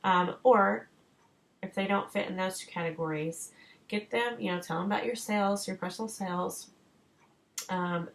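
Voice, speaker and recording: A woman's voice: medium pitch, vocal fry, rough recording. A woman in her thirties giving chatty, encouraging sales advice in a casual home vlog, rambling with fillers and restarts. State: short of breath. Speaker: direct sales consultant.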